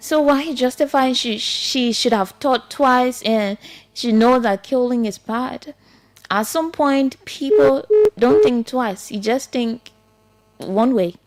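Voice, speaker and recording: Liberian woman, radio host, earnest commentary, slightly high voice. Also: takes it slowly. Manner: earnest, repetitive, pleading.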